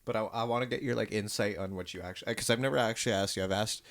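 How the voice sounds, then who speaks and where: A man with a somewhat low voice co-hosts a relaxed podcast, telling stories in a loose, rambling way. He swears casually and keeps restarting his sentences, talking over his co-host. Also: rapid-fire. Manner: rambling, swears freely, many restarts and fillers. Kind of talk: casual chat.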